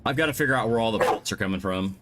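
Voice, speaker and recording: Low-voiced man musing through gameplay. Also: very fast, heavy background noise. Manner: thinks aloud, muttering to himself while planning. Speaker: live-stream gamer. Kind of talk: casual gameplay commentary. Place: home.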